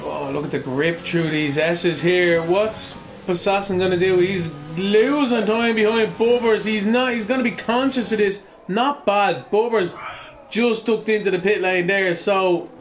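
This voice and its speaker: A man giving casual, chatty live motorsport commentary as a racing commentator, excitable and full of colloquial banter. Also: sits high, measured pace, faint music behind.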